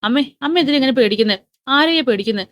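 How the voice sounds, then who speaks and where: A woman's voice: high voice, expressive, quick pace, a bit bright, no echo, studio quality, voice pushed up. A woman voicing a grieving older mother who pleads in distress. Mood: pleading.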